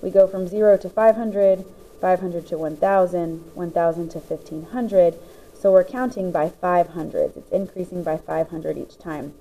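A woman's voice: lowish voice, normal speed, lo-fi sound. A woman teacher patiently explaining the parts of a graph, step by step, as she writes notes. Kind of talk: classroom lesson explaining graphs.

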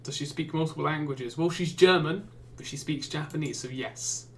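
English man, YouTuber, gaming commentary, dry sarcastic asides, somewhat high voice. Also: moderate pace. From England. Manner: reads questions aloud and answers with wry, exasperated jokes. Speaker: YouTuber and streamer.

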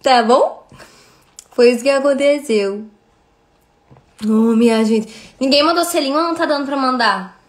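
A woman's voice: high-pitched, normal speed. A woman in her thirties with a Brazilian accent, chatting casually on a livestream and thanking viewers by name. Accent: Brazilian Portuguese. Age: 30s. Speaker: livestream host.

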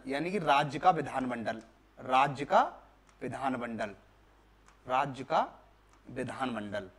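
A young male teacher with a high-pitched voice lectures at a board in an indoor classroom for a video lesson. He is repetitive and emphatic, asking his own questions and answering them.

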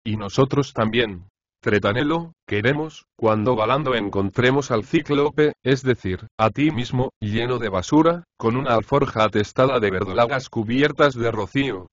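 A man voicing a gruff, complaining old male chorus leader in an audiobook of a comic play. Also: medium pitch, dry recording, muffled recording, lightly acted. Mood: gleeful.

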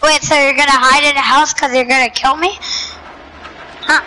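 A woman's voice: high voice, steady tone, moderate pace, sharp tone, a little hiss or hum, rough recording. A woman streaming an online shooter, teasing and trash-talking another player over a headset mic. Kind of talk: casual gaming chat.

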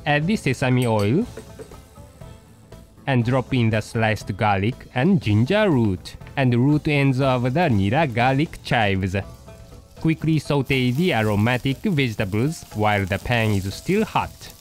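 A calm poodle cooking host , given voice by a man, walks the listener through each step of a recipe. The delivery is slow and unhurried, with an expressive rise and fall in the pitch, in a middle register. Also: soft background music, rough recording. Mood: patient. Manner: slow, deliberate step-by-step instructions. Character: a poodle dog hosting a cooking show, calm and patient. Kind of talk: scripted recipe narration.

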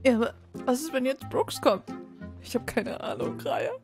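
A woman's voice: sits high, animated, normal speed, gravelly, over music. A woman playing a drunk character in a game roleplay, slurring, giggling and turning tearful.

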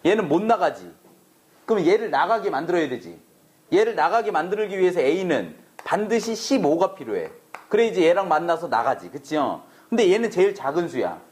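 A man's voice: fairly high pitch, big pitch swings, moderate pace, darkish tone. A man teaching math to a classroom, brash and teasing, swearing at students in a casual way. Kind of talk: classroom lecture.

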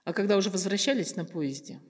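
An older woman from Kazakhstan, a guest artist, answers interview questions reflectively, pausing often and using hesitant fillers. Her medium-pitched voice has a breathy edge. She sits at a table in a bright room with plants, recorded by a table microphone on a stand in a roomy, reverberant space.

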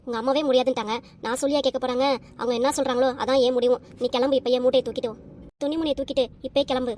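A woman's voice: sits high, fairly even intonation, racing, a little mellow, a little hiss or hum, natural voice. A woman voicing a blunt female relative who sides with the mother in a cartoon comedy. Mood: brusque.

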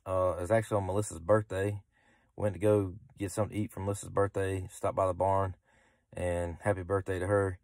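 A man's voice: low-pitched, flat delivery, brisk, darkish tone, no echo, clean studio sound. A man, casually explaining a story to his phone camera from a parked car at night. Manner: easygoing, rambling with restarts. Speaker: vlogger. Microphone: phone camera held close.

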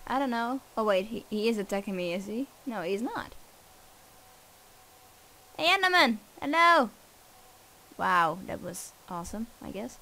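A young woman chatting casually through a co-op video game, playful and excitable, with silly exclamations. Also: medium pitch, fairly quick, hardly any pauses, poor audio. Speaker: Let's Play gamer. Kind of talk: casual co-op gaming chat.

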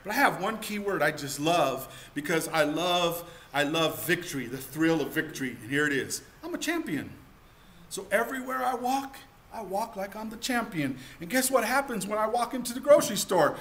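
High, bright-voiced energetic seminar speaker man. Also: moderate pace, slight background noise. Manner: energetic, emphatic, rhetorical questions. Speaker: keynote speaker. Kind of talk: motivational seminar talk. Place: hotel meeting room with audience.

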